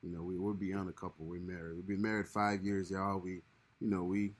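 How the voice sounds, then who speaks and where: A young Haitian man co-hosts a casual livestream with his wife, rambling and restarting his sentences so he often repeats himself. His voice is low-pitched, his delivery flat and brisk.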